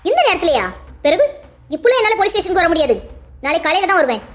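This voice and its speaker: A woman's voice: extremely high pitch, big pitch swings, fast talker. A woman voicing a scheming, spiteful young woman who talks coldly and defiantly in a cartoon drama. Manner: cold, defiant, sneering. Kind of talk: Tamil cartoon voice acting.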